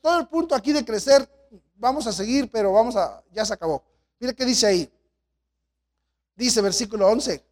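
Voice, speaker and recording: A man preaching a sermon as pastor, swinging between loud exhortation and quiet storytelling asides. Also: very high voice.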